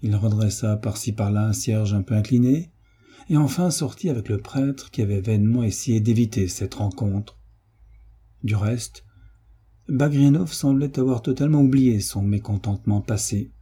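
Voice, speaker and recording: A man narrating a novel as an audiobook reader, in a measured, even storytelling manner. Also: on the low side, breathy edge. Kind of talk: scripted literary narration.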